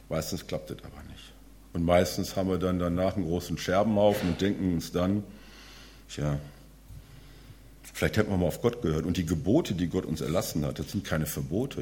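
A man's voice: deep voice, darkish tone. A man preaching a sermon in a conversational way, often checking in with his listeners with short tag questions. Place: church.

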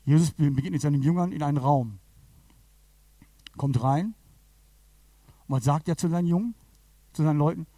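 A preacher tells Bible stories in everyday speech and gives the characters their own voices. His voice sits a bit high for a man. The recording is close and dry, with almost no room sound. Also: dry recording. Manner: animated, colloquial, acts out the Bible figures. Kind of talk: sermon.

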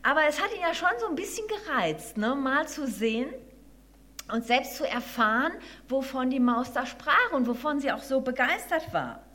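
A woman tells a children's animal story in a gentle, expressive way, then turns it into a brief devotional reflection. Her voice sits somewhat high for a woman. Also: normal speed.

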